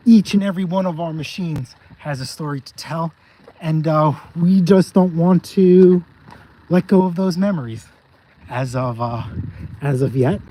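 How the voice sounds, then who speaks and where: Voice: mid-range voice, mellow, rough recording. A diesel mechanic vlogging a casual walk-through of their machines, rambling and joking, often repeating phrases.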